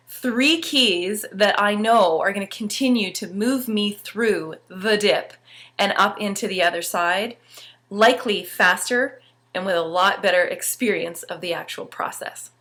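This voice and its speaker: A middle-aged woman giving an upbeat personal motivational talk to camera. She speaks emphatically, swinging between bright bursts and soft asides. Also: mid-range voice.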